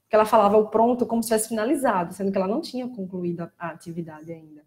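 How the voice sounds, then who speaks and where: A Brazilian woman who works as a child speech therapist talks casually on a live stream, explaining things plainly and getting animated when she mimics children. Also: mid-range voice, racing. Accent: Brazilian Portuguese.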